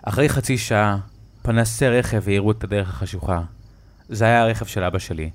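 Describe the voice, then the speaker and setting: Slow, low-voiced male horror narrator. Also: steady tone.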